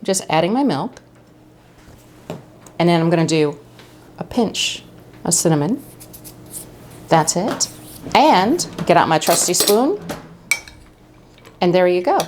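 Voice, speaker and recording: A woman's voice: lowish voice, very animated, slow, pauses often, darkish tone, a little hiss or hum. A middle-aged woman hosting her own cooking video, talking casually and chattily with fillers and asides as she makes a dish in her home kitchen. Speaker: cooking channel host.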